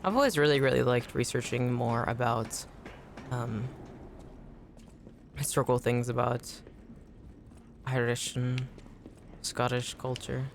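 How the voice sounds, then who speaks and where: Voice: medium pitch, fairly even intonation, unhurried, vocal fry, long pauses, slight background noise. A game streamer chatting casually while playing, rambling and repeating words for emphasis. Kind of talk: casual chat while gaming.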